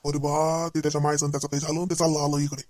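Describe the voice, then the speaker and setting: Fast high-voiced man. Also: no room sound, studio quality. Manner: excitable, agitated, rapid-fire scolding and pleading. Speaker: comedy sketch actor. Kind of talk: comedy sketch acting.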